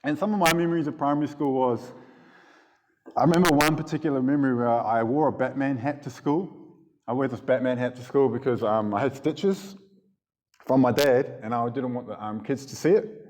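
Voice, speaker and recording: A man's voice: medium pitch, a little fast, a little mellow. A man gives a casual, chuckling personal testimony to a church congregation. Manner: casual storytelling with frequent chuckles. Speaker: church speaker giving testimony. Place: church hall before an audience. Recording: long hall reverb in a church.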